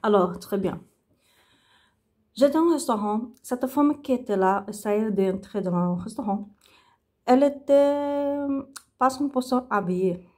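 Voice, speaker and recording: A woman gives an unscripted religious testimony in French, haltingly, searching for words and repeating phrases. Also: fairly high pitch, mellow.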